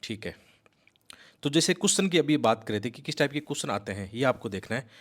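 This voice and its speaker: A man giving a rapid, emphatic exam-prep lecture, coaxing his students and mixing in English words. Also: mid-range voice, expressive. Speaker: civil service exam coaching teacher. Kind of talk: fast explanatory lecture.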